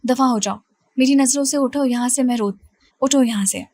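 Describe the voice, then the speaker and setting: A woman's voice: sits high, darkish tone. A woman voicing a menacing young male thief who barks harsh threats in a storybook reading.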